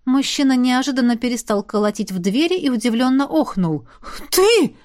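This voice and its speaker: A woman narrating a first-person fantasy audiobook in a wry, lively storytelling manner. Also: fairly high pitch, brisk.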